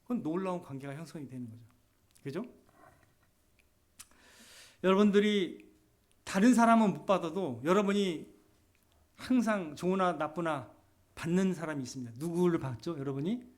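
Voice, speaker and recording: A man's voice: normal speed, long pauses. A middle-aged male pastor preaching a sermon. He keeps asking the congregation questions and answers them himself, and he acts out quoted speech. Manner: acts out quoted speech with shifting pitch and pace.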